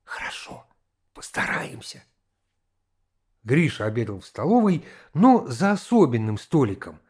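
A man's voice: medium pitch, sing-song, moderate pace, a little mellow, breathy edge. A man narrating a classic novel as an audiobook, telling the story expressively.

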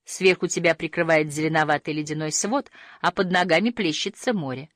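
A woman narrating a storybook in a gentle, measured reading that slows at quiet moments. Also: low voice, dry recording, studio quality.

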